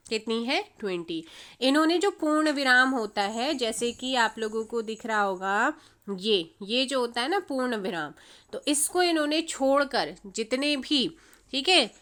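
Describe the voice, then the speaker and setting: A woman's voice: fairly high pitch, fairly bright tone. A woman teaching an exam-prep grammar lesson, mixing in English words and quizzing viewers with questions she answers herself. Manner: repeats her own questions and answers them, quizzing viewers; mixes English words into her speech.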